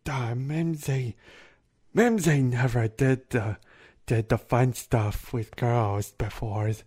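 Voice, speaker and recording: A man doing a slow, dim giant guy saying "duh". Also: mid-range voice, a little mellow, slightly rough. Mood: timid. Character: timid simple-minded male giant.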